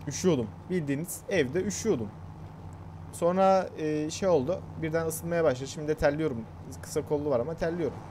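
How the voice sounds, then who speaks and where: A man's voice: fairly high pitch, background noise. Chatty young man narrating a farming game. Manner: chatty, self-mocking, talks to viewers. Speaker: gaming YouTuber. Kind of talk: casual gameplay commentary.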